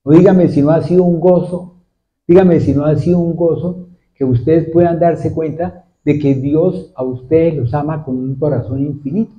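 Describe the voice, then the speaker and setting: A male pastor preaching a sermon to a congregation, repeatedly asking them questions in a steady, repetitive cadence. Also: fairly high pitch, normal speed. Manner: asks the congregation frequent questions. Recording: dull lo-fi recording. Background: seated congregation.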